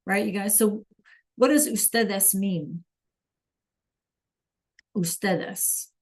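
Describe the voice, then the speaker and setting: A woman's voice: mid-range voice, very slow. A woman teaching a Spanish lesson online, patiently checking in with her students and praising answers from the chat.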